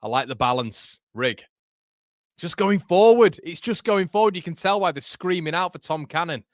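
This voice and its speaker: Hosting a live match watchalong, a man with a Yorkshire accent commentates on the play and, between moves, chats with viewers, reads their messages and chuckles at his own jokes. His voice sits fairly high, recorded dry and clean in a studio.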